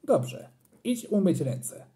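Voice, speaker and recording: A stressed, scolding storybook mother, put on by an audiobook reader, bursting into shrill, exasperated complaints. Her mellow, dark voice swings widely in pitch. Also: sing-song, takes it slowly. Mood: impatient. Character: harried scolding mother, adult woman. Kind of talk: audiobook character reading.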